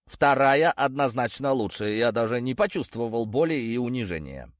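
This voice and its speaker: A man's voice: medium pitch, expressive, normal speed, no echo, studio quality, lightly acted. A man voicing a big, timid young bull-horned guy who sounds meek and resigned.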